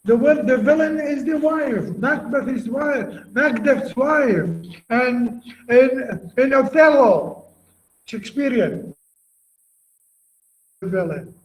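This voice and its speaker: A man with an Iraqi accent, Arabic his first language, giving a university literature lecture, slowly repeating himself and quizzing students by name. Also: very high voice, expressive. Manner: slow, repetitive, questioning students by name. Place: classroom. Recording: echoey lo-fi classroom recording.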